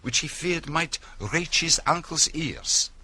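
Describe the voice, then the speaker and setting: An actor playing Hercule Poirot, a shrewd foreign detective who speaks in a deliberate, probing way full of rhetorical questions, in a radio drama. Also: male voice, a little high, pushed and bright, slight background noise, exaggerated voice. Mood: pensive.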